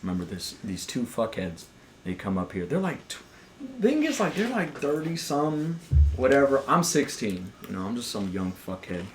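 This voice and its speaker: Here the same sort of young podcast co-host speaks in a mid-range, sing-song voice at normal speed, a faint hiss or hum underneath. Among friends he tells lengthy work stories in a rambling, profane way, full of fillers and false starts.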